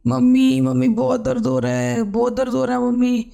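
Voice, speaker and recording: A man with a high voice voicing a proud, stubborn young pregnant wife in a storybook narration. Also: fairly even intonation, normal speed, darkish tone, lightly acted. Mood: in pain. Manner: stubborn, dismissive.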